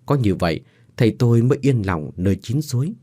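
A man's voice: medium pitch, lively intonation, fairly quick, warm tone, close to an everyday voice. A man voicing the earnest, respectful young son of an old sorcerer.

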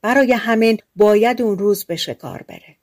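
A woman's voice: mid-range voice, a little mellow. A woman reading a fairy tale aloud as an audiobook narrator, giving the characters' lines within the story.

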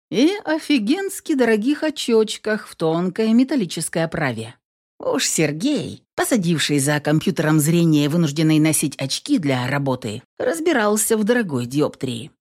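Woman, audiobook narration, lively intonation, lowish voice, ironic. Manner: expressive, ironic storytelling.

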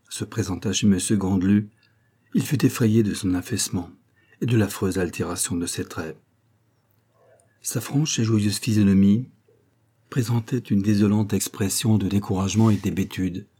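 A man reading audiobook narration in a measured, even way. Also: on the low side, breathy edge.

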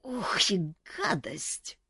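A whiny, sulky young boy apprentice, voiced by a woman reading an audiobook. His voice is pushed up high and it sounds hurt. The recording is dry. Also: very animated, extremely slow, creaky, pushed and bright, husky, no echo, exaggerated voice.

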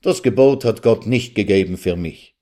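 A wry old village groom, as a male narrator puts him on, talking in a plain homely way in a low, dark voice close to the reader's own. He sounds calm and a little amused. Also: normal speed, natural voice.

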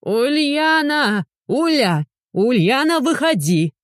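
In audiobook dialogue, a reader voices a grown man: a whining, demanding, pompous ex-husband. The voice is mid-range and sing-song at normal speed, pitched above the performer's own but close to an everyday voice, with clean studio sound and no room sound.

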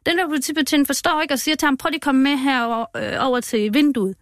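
A woman who is a mother, telling a personal account as a guest in an interview, halting and emotional with many restarts. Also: high voice, no echo, clean studio sound. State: moved.

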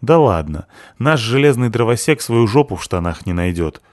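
A sullen, sharp-tongued seventeen-year-old girl from an audiobook, put on by a male reader. She speaks with weary sarcasm and bite. The voice stays low, recorded dry and close with no room echo. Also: expressive, moderate pace, lightly acted. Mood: sardonic. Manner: bitter, sarcastic.

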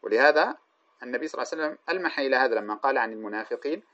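Fast-talking male scholar on lo-fi audio. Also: medium pitch, animated, fairly bright tone. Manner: explanatory, pauses and corrects himself mid-sentence. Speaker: Islamic scholar teaching hadith. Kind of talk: religious lecture commentary. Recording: dull lo-fi recording.

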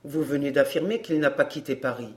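A woman's voice: a bass voice, brisk, pitched below the performer's own voice. A woman reading an audiobook, voicing an earnest young man eager to serve the heroine.

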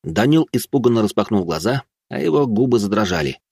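A man's voice: on the low side, animated, brisk, creaky, mellow, slightly rough, no echo. A man narrating an audiobook in the first person with dry, sardonic storytelling.

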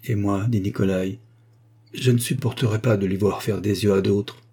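A man's voice: on the low side, steady tone, moderate pace, dark tone, slightly rough. A man voicing a sullen, stubborn young peasant husband and former soldier who speaks bluntly, in a storybook reading.

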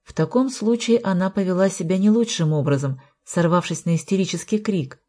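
A woman reading a novel aloud in an even, measured narration. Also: fairly low pitch. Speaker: audiobook narrator. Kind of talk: scripted narration.

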